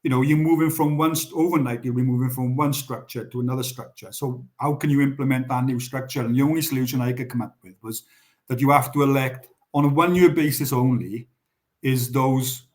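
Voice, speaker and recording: A man's voice: medium pitch, steady tone, a little mellow. Welsh guy on a live q&a, medium voice, keeps restarting sentences as he explains. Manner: measured, explains at length with many restarts. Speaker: guest on a pigeon racing show. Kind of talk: live Q&A discussion.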